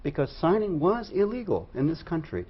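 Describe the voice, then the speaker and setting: A man's voice: on the high side, huge pitch swings, normal speed, lo-fi sound, crowd noise. A man speaking as a guest in an interview, explaining things earnestly and with emphasis. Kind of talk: conversational interview.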